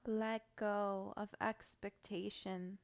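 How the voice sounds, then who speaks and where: Slow, gentle woman guiding a meditation. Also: medium pitch. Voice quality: soft, slow and soothing, with long pauses. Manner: calm, gentle instructions. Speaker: meditation guide. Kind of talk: guided meditation.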